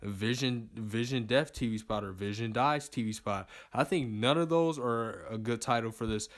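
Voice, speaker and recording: A man's voice: medium pitch, normal speed. A man hosting a movie news video, talking casually and rambling, with lots of repeated words and fillers.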